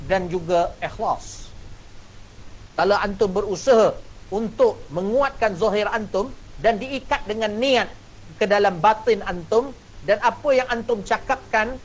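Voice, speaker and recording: A man giving a classical text lecture as a religious teacher, animated and checking his listeners with rhetorical questions. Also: high-pitched, a little hiss or hum, low-quality recording.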